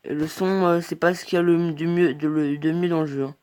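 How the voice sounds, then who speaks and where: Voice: mid-range voice, fairly even intonation, fairly quick, darkish tone, clear, resonant tone. A mobile game player giving casual gameplay commentary, rambling and hesitant, reacting aloud as the game goes on.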